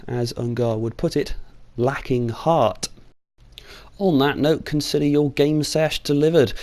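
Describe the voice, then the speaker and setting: A British man hosts an online video of scripted opinion commentary on video game films. His mid-range voice is a little mellow, and his informal, opinionated take has a sardonic streak and some mild swearing.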